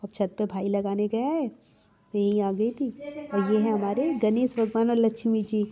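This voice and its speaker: A woman's voice: mid-range voice, steady tone, moderate pace, warm tone. A young woman narrating her family's festival day in a chatty, affectionate way, laughing now and then. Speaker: vlogger. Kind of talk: casual festival vlog narration.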